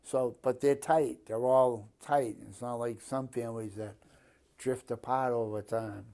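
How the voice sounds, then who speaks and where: Mellow Boston man in his fifties. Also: mid-range voice, steady tone, unhurried. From Boston area, Massachusetts, USA. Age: 50s. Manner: blunt, plain-spoken, given to swearing. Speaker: interviewee. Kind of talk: casual chat.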